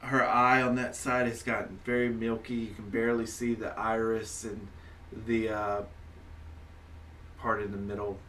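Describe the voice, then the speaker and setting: A man narrating a tabletop game as game master, improvising haltingly as he searches for descriptive words. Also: fairly low pitch, little pitch movement, a bit bright, distant mic, a little hiss or hum.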